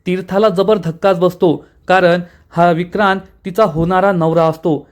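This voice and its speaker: A man's voice: sits high, fairly even intonation, moderate pace. A man dramatically retelling a television serial episode, reading out the characters' lines with rising intensity. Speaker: serial episode recap narrator. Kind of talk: storytelling recap.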